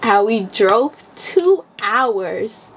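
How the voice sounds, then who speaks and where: A woman's voice: fairly high pitch, expressive, very slow, slight background noise, poor audio. A young woman co-hosting a podcast, chatting casually and bluntly and swearing freely as she retells her week. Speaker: podcast co-host. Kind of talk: casual chat.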